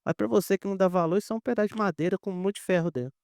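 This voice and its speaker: A Brazilian-accented pastor with a high, gravelly, clean voice talks very fast in a dry, clean studio recording. He preaches a conversational sermon as an animated storyteller, speaking directly to the congregation and acting out the quoted dialogue of people in his stories.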